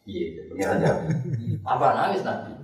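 A man's voice: on the low side, fairly quick. An older man preaching a sermon in a storytelling way, reciting scripture verses and mixing in chatty asides, recorded in a reverberant room some distance from the mic. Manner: animated storytelling, mixing Javanese and Indonesian, reciting Quranic verses. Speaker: Islamic preacher. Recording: roomy echo, distant mic.

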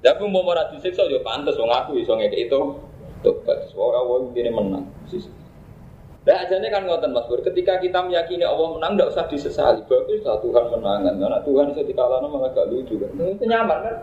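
A man's voice: medium pitch, expressive, fast talker, slight background noise. A man with a Javanese accent giving a casual religious talk, joking and laughing often as he recites Arabic verses. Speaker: Islamic preacher. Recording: roomy, dull lo-fi recording.

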